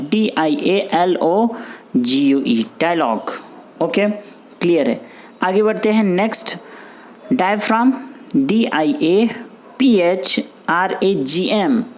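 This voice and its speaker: Slow, patient male spelling teacher. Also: sits high, a little mellow. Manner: spells words letter by letter, explains in Hindi; reassuring, repeats key points. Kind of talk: spelling lesson for exam students.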